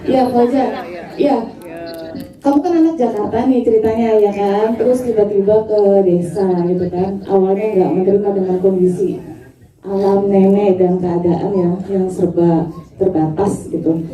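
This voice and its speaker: A woman's voice: medium pitch, fairly even intonation, moderate pace, dark tone. A woman journalist asking rambling, chatty questions at a press conference. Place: large cinema hall. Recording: echoey hall from far off.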